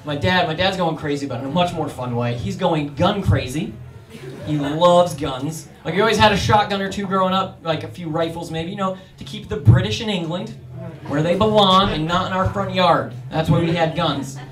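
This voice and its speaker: A man's voice: high-pitched, normal speed, a crowd in the background. A young man performing a stand-up comedy set in a club, telling stories with energy and acting out voices. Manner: energetic storytelling, acts out voices. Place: comedy club in front of a crowd. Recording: roomy club sound from a distance with audience.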